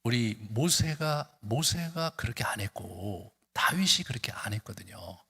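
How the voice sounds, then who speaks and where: A male pastor preaching a sermon, emphatic and exhorting, pushing his pitch up suddenly to drive a point home. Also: vocal fry, pushed and bright, husky. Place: church sanctuary. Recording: long reverb of a church hall.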